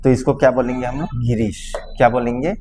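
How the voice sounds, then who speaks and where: A male teacher from Chhattisgarh lecturing a class on grammar, speaking to students fondly and checking often whether they understood, drawing vowel sounds out slowly. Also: medium pitch, little pitch movement, background noise. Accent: Chhattisgarh Hindi.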